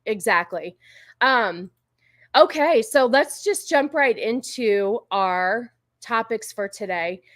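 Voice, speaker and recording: A woman's voice: on the high side, lively intonation, takes it slowly, a bit bright, no echo, studio quality. A woman hosting a livestream, chatting casually and informally with viewers, rambling and easily sidetracked. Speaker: livestream host. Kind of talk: casual chat with live viewers.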